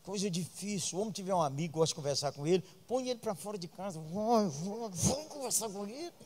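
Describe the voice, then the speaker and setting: A Brazilian man preaching a sermon as pastor, joking with the congregation and breaking into loud outbursts. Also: high-pitched, animated, fast, long reverb tail.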